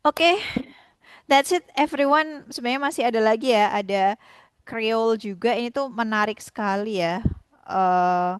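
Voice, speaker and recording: A woman's voice: medium pitch, smooth, no room sound. A young woman casually explaining a university lesson, chatty, with lots of tag fillers. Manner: chatty, frequent tag fillers, slowly acts out example phrases. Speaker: university student presenter.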